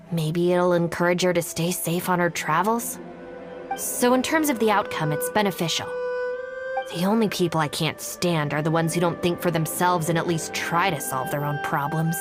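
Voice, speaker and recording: A woman's voice: on the low side, moderate pace, music in the background, close to an everyday voice. A woman voicing a cool, practical young woman in a video game, with a dry, businesslike, matter-of-fact delivery. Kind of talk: English game voice acting.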